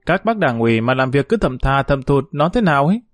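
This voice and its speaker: A man's voice: mid-range voice, big pitch swings, brisk, no room sound, natural voice. A man voicing a bold, outspoken young village woman in a story reading, blunt and cheeky. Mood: defiant. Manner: blunt, cheeky, talking loudly.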